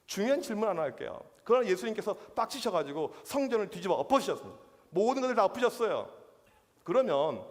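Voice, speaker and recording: A male youth pastor preaching a casual, lively sermon to teenagers, teasing them and using slang. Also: high-pitched. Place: church sanctuary. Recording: reverberant church hall.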